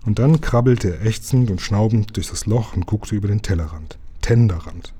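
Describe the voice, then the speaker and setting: A man reading a children's storybook aloud with lively narration and voices for the figures. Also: lowish voice, normal speed, a little hiss or hum. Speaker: reader of a children's book.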